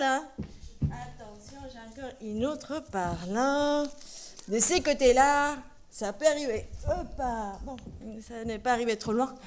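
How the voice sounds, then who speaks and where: A woman's voice: a little high, a little hiss or hum. A woman preacher giving a playful children's sermon in a church. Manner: lively and playful, talking to children.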